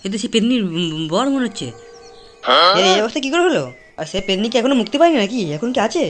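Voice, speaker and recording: A man's voice: extremely high pitch, quick pace, a little hiss or hum. A man voicing a hot-tempered, cursing young man in a cartoon comedy. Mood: excitable. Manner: excitable, cursing. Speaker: cartoon voice actor.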